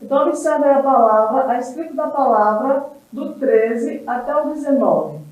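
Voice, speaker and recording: A woman from Brazil teaching a televised English lesson, slow and patient, pausing often to check that the class follows and repeating key words. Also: high-pitched, lively intonation, a little mellow. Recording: roomy, distant, dull sound.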